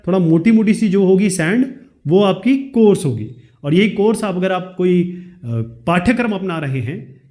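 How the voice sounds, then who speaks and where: A man, teaching a lesson. He reads each question slowly, then explains the answer in quick chat. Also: high-pitched, darkish tone.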